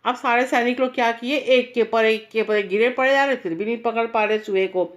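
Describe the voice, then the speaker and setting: A woman's voice: a little high, steady tone, a little fast. A woman telling a bedtime story aloud to a child. She talks in an informal, rambling way and turns to address the child directly now and then.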